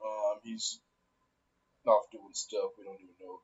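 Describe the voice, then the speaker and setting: Guy on a podcast, laptop mic so it's muffled and kinda husky, bouncy voice. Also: on the low side, wildly swooping pitch, a little slow, darkish tone. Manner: laid-back, joking, laughs along often. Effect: voice recorded through a laptop's built-in mic. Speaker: podcast co-host. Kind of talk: casual chat. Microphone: laptop's built-in microphone.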